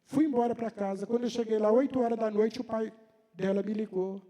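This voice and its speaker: High-voiced mineiro preacher in a reverberant hall. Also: male voice, steady tone, brisk, dark tone. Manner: conversational storytelling, acting out dialogue. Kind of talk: sermon told as a personal story. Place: church hall.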